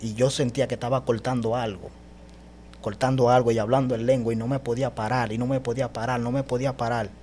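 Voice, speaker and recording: A man giving an animated personal testimony as a guest, speaking emphatically and often calling the host brother. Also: mid-range voice, quick pace, a little hiss or hum. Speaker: guest telling his testimony.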